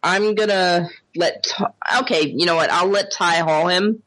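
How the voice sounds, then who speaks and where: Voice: medium pitch, normal speed, pushed and bright, low-quality recording. A player in a tabletop role-playing game who laughs often and describes their character's actions playfully. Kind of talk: casual tabletop play.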